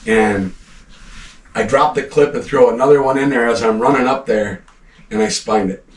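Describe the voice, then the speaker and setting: A man telling hunting stories in a steady, matter-of-fact way. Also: mid-range voice, normal speed. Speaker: channel host. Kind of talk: campfire-style storytelling. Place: cabin room. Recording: echoey room, distant mic, faint hiss.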